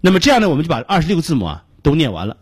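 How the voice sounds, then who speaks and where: This is a middle-aged man with a Beijing Mandarin accent teaching a radio pronunciation lesson. His voice is a little husky, and it sounds dry and close to the mic. He explains patiently, drops in small filler sounds between phrases, and his pitch moves up and down a lot. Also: wildly swooping pitch, dry recording. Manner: explains patiently, demonstrates sounds slowly and repeats them.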